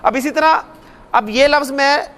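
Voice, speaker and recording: High-voiced man teaching grammar. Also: measured pace, fairly bright tone. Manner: explains step by step, repeats key points, asks the class questions. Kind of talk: classroom grammar lecture. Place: classroom or studio lecture.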